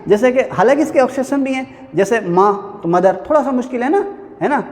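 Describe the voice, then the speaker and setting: A chatty male teacher lecturing a class, his voice pitched high and swinging widely up and down. He keeps checking in with his students through little asides, and a long reverb trails off his words. He sounds like he is in a lecture room. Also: animated, brisk. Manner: chatty, addresses students as beta, frequent "hai na" asides. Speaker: civil services teacher.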